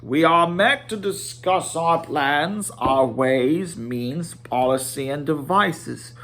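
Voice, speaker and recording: A man's voice: a little high, takes it slowly, fairly bright tone. A man voicing a proud, solemn old dwarf leader who makes pompous, formal speeches in a storybook reading. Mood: grandly solemn.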